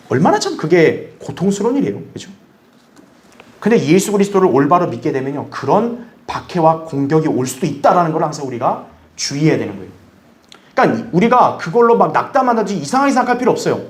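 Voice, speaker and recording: A man pastor teaching a Bible study, animated, asking the congregation questions and acting out what others might say. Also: high-pitched. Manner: animated, acts out others' remarks in a raised voice; asks the audience questions. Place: church hall.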